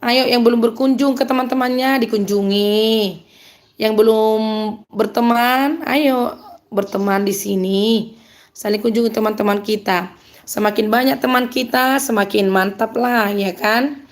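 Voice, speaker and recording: Woman, Medan accent, slightly high voice, upbeat live-stream host chatting with viewers and laughing often. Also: steady tone, measured pace. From Medan, North Sumatra. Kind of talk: live-stream chat reading out viewer comments.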